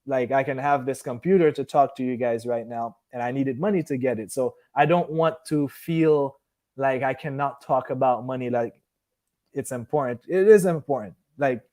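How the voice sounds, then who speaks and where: A man in his early thirties, born in Haiti and moved to Miami at fourteen, hosts a casual live stream and answers viewers conversationally. His voice is mid-range and darkish at a normal speed. He rambles, losing his thread and then finding it again.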